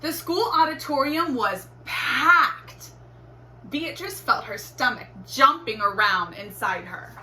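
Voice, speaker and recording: A woman reading a children's storybook aloud in an expressive, deliberate teacherly way. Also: high voice. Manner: animated, deliberate storytelling with acted exclamations. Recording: roomy echo, faint background noise.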